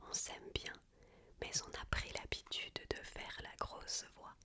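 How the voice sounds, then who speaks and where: A woman gives an ASMR book reading entirely in a hushed library whisper. She takes her time over every phrase, measured and careful. The whisper has a bright, crisp edge. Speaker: ASMR reader.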